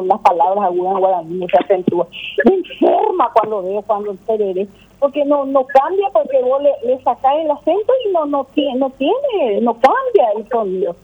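A woman's voice: fairly high pitch, husky. An older woman, a gastronomy researcher and teacher, rambling and repeating herself in a casual phone interview. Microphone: telephone. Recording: tinny phone line.

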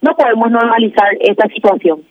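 A woman's voice: fairly high pitch, a little fast, crowd noise. Woman senator on a crackly phone line. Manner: formal, emphatic and firm. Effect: crackly, breaking-up phone line. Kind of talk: remote interview guest.

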